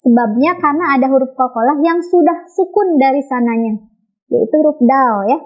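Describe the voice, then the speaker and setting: A high-pitched woman with an Indonesian accent gives a children's lesson, patiently repeating and modeling each sound. The recording is dull and lo-fi. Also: lively intonation, normal speed. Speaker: Quran recitation teacher.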